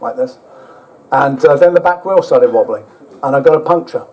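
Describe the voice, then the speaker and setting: At an overland motorbike event, a man tells a live audience a rambling, self-mocking travel story peppered with casual swearing. His voice is medium-pitched, a little mellow, at a moderate pace, and the recording quality is low.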